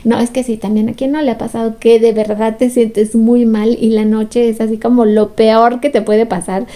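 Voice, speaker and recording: A woman's voice: on the high side, level tone, normal speed, mellow. A woman, casually recapping a show in a chatty, sympathetic way. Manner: chatty, sympathetic, often laughing. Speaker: fan recap commentator.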